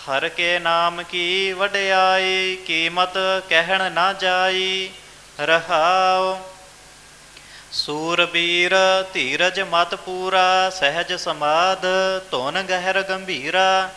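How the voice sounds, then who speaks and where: A high, bright male voice chants verses at a very slow, even pace. The delivery is measured and sing-song, with little rise and fall. Long hall reverb hangs on each phrase, and soft music sits underneath. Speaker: scripture reciter. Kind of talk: slow chanted scripture recitation.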